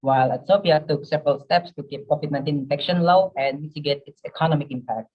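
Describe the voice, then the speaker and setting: A young student giving a careful, measured class answer. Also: male voice, on the high side. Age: young adult. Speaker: student panelist. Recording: dull lo-fi call audio.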